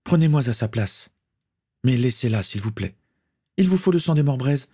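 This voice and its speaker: A man's voice: mid-range voice, lively intonation, normal speed, dark tone, husky, voice pushed up. A man voicing a brave, self-sacrificing young boy in a storybook reading. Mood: pleading. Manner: pleading.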